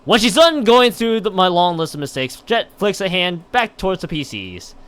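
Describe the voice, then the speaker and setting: This streamer's voice is high, clear and resonant, fairly bright, and very animated, moving at a normal speed. Reading a visual novel aloud live, he trips over and repeats words and lets out exasperated asides.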